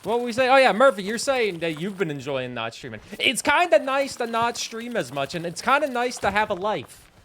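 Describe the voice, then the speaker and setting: Animated streamer man in his twenties. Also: sits high, a little fast. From New England, United States. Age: 20s. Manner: animated, chatty, reads and answers chat. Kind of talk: casual live-stream chat.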